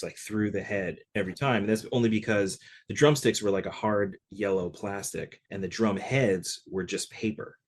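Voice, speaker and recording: Low-voiced man telling stories casually. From Connecticut, US. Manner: relaxed, chatty, frequent "like" fillers. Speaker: session percussionist guest. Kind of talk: casual interview storytelling.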